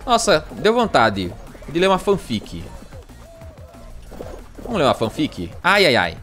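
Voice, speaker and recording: A man's voice: fairly high pitch, huge pitch swings, a little slow, fairly bright tone, faint music behind. A man with a Brazilian accent chatting casually on a gaming livestream, rambling and joking at himself. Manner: rambling, jokey, self-mocking.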